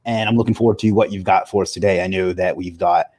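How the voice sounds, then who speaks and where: Male livestream host, low-pitched, quick and chatty, upbeat with light jokes. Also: fairly even intonation, darkish tone, husky. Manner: upbeat, joking, with fillers. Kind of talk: casual livestream chat.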